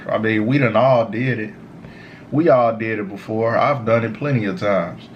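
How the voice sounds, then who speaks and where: A man's voice: fairly low pitch, normal speed, dull audio, slight background noise. Stoned man, meandering motivational talk. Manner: repeats "you know" tags, informal slangy phrasing. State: high on cannabis. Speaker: host of a smoke session series. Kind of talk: casual motivational monologue.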